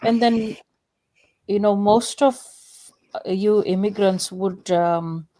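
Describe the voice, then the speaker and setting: Casting: middle-aged woman, Fiji Indian accent, mid-pitched, halting and conversational co-host. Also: mellow. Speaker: co-host introducing herself. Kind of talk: conversational personal introduction.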